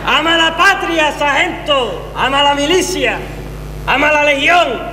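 An actor playing a pompous patriotic army captain, declaiming in a comic stage sketch. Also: male voice, very high voice, expressive, unhurried, pushed and bright, heavily acted. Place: theatre stage, far camera. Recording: echoey theatre hall, faint hum.

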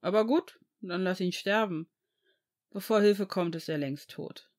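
A reader voicing a calm, serious young male centaur in a fan audiobook, speaking gravely and unhurried. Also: medium pitch, close to an everyday voice. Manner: calm, grave, slow-spoken.

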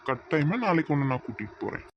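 A man's voice: mid-range voice, expressive, fast, muffled recording, a little hiss or hum, lightly acted. A man voicing a mild husband caught between wife and mother in a family cartoon, placating and soothing.

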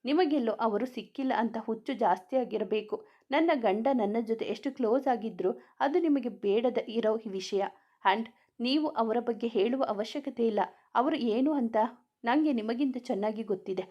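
A woman's voice: fairly high pitch, normal speed, lo-fi sound, lightly acted. A woman reading as a proud, defiant young bride.

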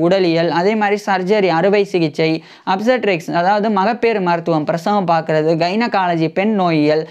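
A man's voice: high voice, smooth, lo-fi sound. A young man presenting a history lesson in a casual, explanatory way, repeating each point and glossing technical terms in simpler words. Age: young adult. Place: indoor studio with green-screen news backdrop. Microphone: lapel mic.

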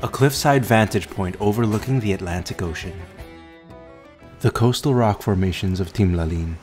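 Male audio describer, lowish voice, measured and matter-of-fact, music bed. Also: a little mellow.

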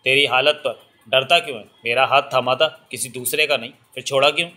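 Male reader doing a lovestruck young devadasi woman, teasing and pleading, bright tone. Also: mid-range voice, steady tone, fairly quick, lightly acted. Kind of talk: audiobook reading.

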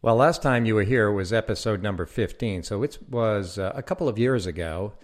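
A man hosting a podcast interview, reading a prepared introduction and then asking plain, measured questions. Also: fairly low pitch. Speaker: podcast host.

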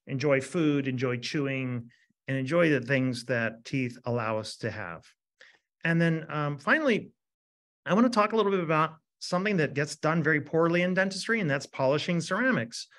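A man in his fifties gives an energetic webinar lecture as a dentist. His voice sits fairly high and he keeps checking in with the listeners by asking "right?". He sounds animated throughout. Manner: animated, asks rhetorical "right?" often.

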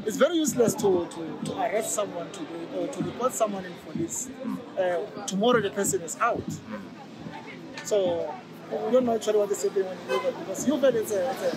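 A man's voice: high voice, fairly quick, over loud music. A South African man from a community policing forum, speaking earnestly in a street interview outdoors, hesitating and repeating words, through a face mask. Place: outdoors on a busy city street. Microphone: camera mic, subject wearing a face mask. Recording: busy crowd noise behind.

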